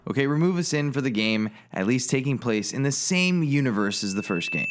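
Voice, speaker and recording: A man's voice: medium pitch, lively intonation, a little fast, music in the background. A man narrating a comedic video game critique in a sarcastic, mocking way.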